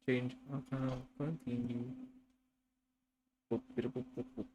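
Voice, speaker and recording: A man's voice: mid-range voice, level tone, slow pace, natural voice. A man voicing a playful beeping robot in sing-song beep-boop noises during a casual gaming session. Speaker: gamer.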